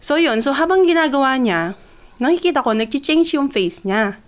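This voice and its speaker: This young woman from the Philippines has a high-sitting voice and speaks at a moderate pace. In her casual vlog she tells a personal story in a mix of Tagalog and English with lots of fillers, growing excited as she retells it.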